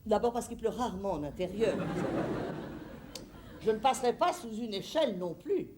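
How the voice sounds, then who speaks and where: A stage actress playing a flustered, fussy middle-aged hostess in a comedy monologue, rambling theatrically to the audience. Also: female voice, a little high, expressive, normal speed, heavy background noise, lightly acted.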